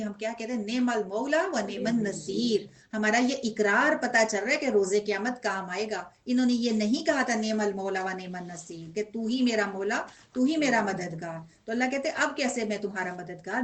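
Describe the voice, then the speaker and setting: A woman teaching a Quran lesson to a class, asking them questions and answering them in an animated way. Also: on the high side. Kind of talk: religious lesson with class responses.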